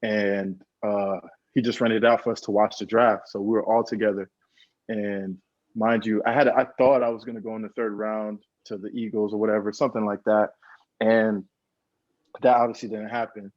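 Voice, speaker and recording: A man's voice: on the low side, little pitch movement, moderate pace, dry recording. A young American man in his twenties, a football player being interviewed, telling his story in an earnest, reflective way, often saying "bro" and "man". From United States. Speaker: guest, pro football player. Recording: dull, lo-fi dry sound.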